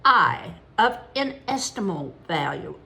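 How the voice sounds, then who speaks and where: A woman in her older years reading aloud as a good-natured one-eyed old man with a high-pitched cackle, in an emphatic, amused manner. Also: sing-song, a little slow, creaky, bright, forceful tone, full character voice.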